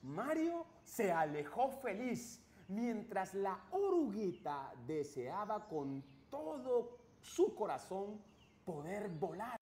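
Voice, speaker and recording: A man's voice: high voice, big pitch swings, slow pace, darkish tone, reverberant, slight background noise, full character voice. A middle-aged man playing a cheerful, childlike clown host of a kids show, speaking in an exaggerated, wide-eyed, theatrical way. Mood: storytelling. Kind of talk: kids show host, animated story reading.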